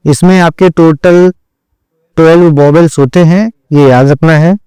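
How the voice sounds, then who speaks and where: A man's voice: on the high side, fairly even intonation, moderate pace, mellow, clear, resonant tone, dry recording, low-quality recording. A man teaching an online shorthand lesson, explaining each step and repeating "theek hai" after every point as he addresses his students directly. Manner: drills points over and over.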